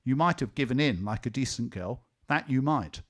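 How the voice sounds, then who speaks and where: The performance is animated, at medium pitch and normal speed, with a fairly bright tone. A man plays a sleepy, earnest young boy who scolds and reasons stubbornly with his sister.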